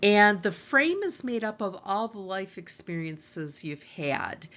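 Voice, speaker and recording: A woman's voice: medium pitch, big pitch swings, takes it slowly, fairly bright tone, muffled recording. A woman college lecturer, explaining course ideas over slides in a conversational teaching tone.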